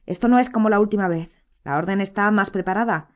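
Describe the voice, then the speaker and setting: A woman voicing a calm, firm grown man, a wizard who speaks steadily and reassuringly in an audiobook. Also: medium pitch, quick pace, pitched above the performer's own voice, close to an everyday voice. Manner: firm, soothing. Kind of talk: audiobook character voice.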